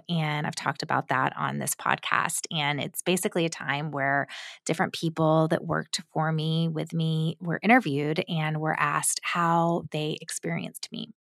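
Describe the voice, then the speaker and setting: A woman hosts a podcast. She tells a personal story in an animated way and acts out the lines she quotes. Her voice sits low with a gravelly rasp, recorded dry and close. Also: no room sound. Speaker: podcast host. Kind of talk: storytelling monologue.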